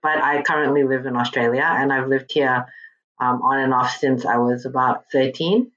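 A woman's voice: a bass voice, steady tone, a bit bright. Woman, 40s, from Malaysia, casual interview guest, filler-heavy chat, dull recording. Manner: chatty, many fillers, quick asides. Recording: dull lo-fi audio.

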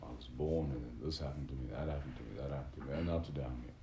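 Very deep, donnish, mellow male lecturer. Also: steady tone, very fast. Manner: donnish, formal, hesitant academic phrasing. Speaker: religious teacher lecturing a group. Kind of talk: reflective spiritual lecture, unscripted. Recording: roomy echo with background noise.

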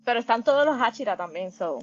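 A woman co-hosting a casual anime chat, animated and careful about spoilers. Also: a little high, fast talker, highs cut off, soft background music. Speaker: podcast co-host.

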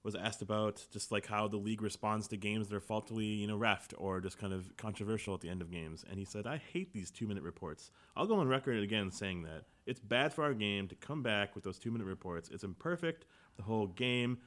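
Deep-voiced man reading sports quotes. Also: a little fast, hardly any pauses. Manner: relaxed, reads quotes aloud, chuckles. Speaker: podcast co-host. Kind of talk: casual sports chat.

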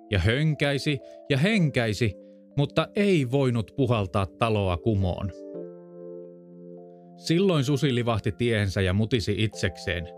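A man calmly narrating a fairy tale aloud at an even read-aloud pace. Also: medium pitch. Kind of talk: storybook narration.

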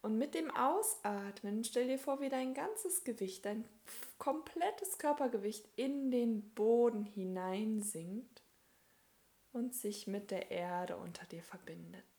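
Speaking on the high side, a female instructor guides a yoga relaxation. Her words come in calm, soothing short phrases with long pauses in between.

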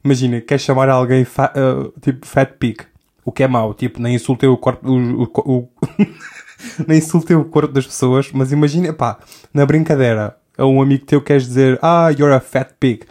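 This podcast host is a young man with a European Portuguese accent and a mellow, mid-range voice, steady in tone at a moderate pace. His casual monologue is comic and meandering, full of self-interruptions and laughter.

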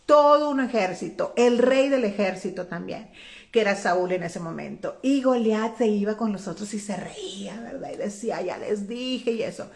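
A woman's voice: medium pitch, moderate pace, gravelly. A woman giving a conversational Bible teaching, retelling the story folksily and tagging her sentences with little checks to the listener. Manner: folksy, constantly adds "¿verdad?"; expressive retelling with quoted voices.

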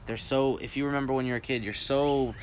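Laid back dude hosting a podcast, medium voice, asks questions, a little hiss in the background. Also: male voice, mid-range voice, fairly even intonation, quick pace. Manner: easygoing, asks probing questions. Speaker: podcast host. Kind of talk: casual chat.

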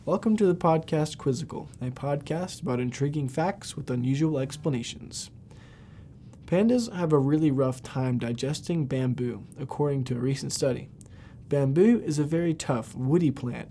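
A man's voice: on the high side, dark tone, slight background noise. A man hosting a podcast, reading scripted science facts aloud and occasionally stumbling over words. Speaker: podcast host.

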